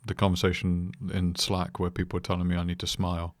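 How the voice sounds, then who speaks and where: A young British man chatting as a podcast guest, dry and joking in a deadpan way. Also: low-pitched, fast talker, dry recording. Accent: British English. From Britain. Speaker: podcast guest, creative director. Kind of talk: casual chat.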